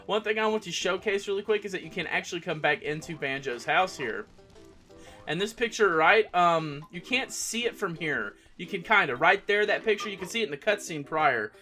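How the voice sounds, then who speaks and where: A woman's voice: lowish voice, lively intonation, brisk, bright, forceful tone. A woman casually commenting on a game as she plays, chatty and self-mocking. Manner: chatty, laughs at herself. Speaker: let's play host. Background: faint game music.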